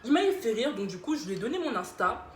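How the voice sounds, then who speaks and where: A woman's voice: a little high, lively intonation, quick pace. Casual YouTuber, young woman, playful and chatty, roomy echo, faint hum behind. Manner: chatty, playful, self-mocking. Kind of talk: casual Q&A vlog. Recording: echoey room with faint ambience.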